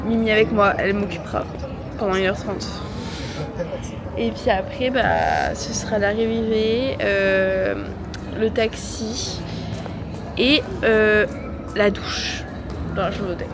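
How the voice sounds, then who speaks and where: Her mid-range voice is expressive and measured as this young travel vlogger chats casually to camera in a noisy airport. Tired from traveling, she jokes in slang with lots of fillers, and music plays behind her.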